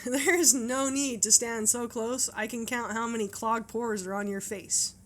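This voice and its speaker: A woman's voice: fairly high pitch, fairly even intonation, a little slow, a little hiss or hum, natural voice. A woman playing a sarcastic, exasperated bystander griping in a comedy parody.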